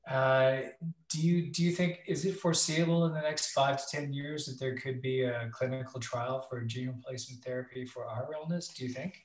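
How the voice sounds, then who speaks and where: A man asking a long, hesitant question on a patient video call. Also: mid-range voice. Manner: hesitant, many fillers and restarts. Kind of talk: casual questions in a video chat. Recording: echoey room on a video call.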